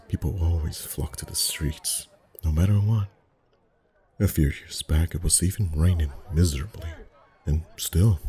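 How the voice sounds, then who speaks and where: In an intimate ASMR roleplay, a male voice actor takes the part of a friendly face painter at a festival. His voice is very deep and mellow, and he talks softly but chattily, reassuring his customer with gentle teasing and flirtation.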